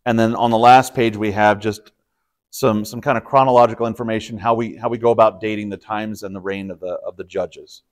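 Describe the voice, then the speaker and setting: A man's voice: fairly low pitch, fairly even intonation, fairly quick. Male pastor teaching a casual Bible study. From Texas. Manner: conversational, explanatory, with frequent fillers and restarts. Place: church study room.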